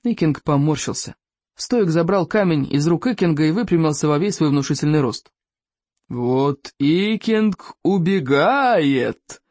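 An audiobook narrator reading a children's adventure story in an animated, theatrical way. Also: medium pitch, brisk, dry recording.

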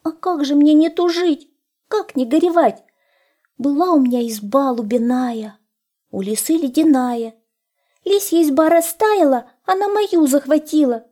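A woman's voice: a little slow, dark tone. A woman doing a tearful little hare. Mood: lamenting. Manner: high, plaintive and whining. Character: timid little male hare, tearful and pleading.

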